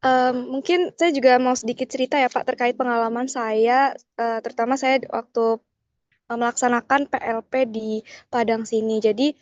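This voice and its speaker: A young woman from Yogyakarta, speaking softly and politely as a student in an online class. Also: a little high, steady tone, moderate pace, no echo, highs cut off. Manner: soft-spoken, polite, hesitant with fillers. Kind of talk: class discussion on a video call. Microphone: video call.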